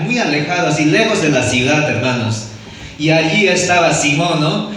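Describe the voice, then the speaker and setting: A man's voice: a little high, bright, forceful tone, slight background noise. Male preacher, tinged Spanish, storytelling sermon, heavy echo, far from the mic. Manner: storytelling, frequent "¿no?" and "hermanos". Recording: echoey room from far off.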